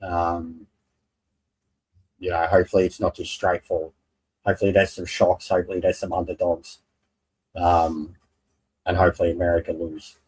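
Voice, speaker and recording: A man's voice: low voice, flat delivery, moderate pace, pauses often, darkish tone, husky, rough recording. A man as a guest in a casual sports and wrestling chat, talking in a blunt, slangy, sweary way.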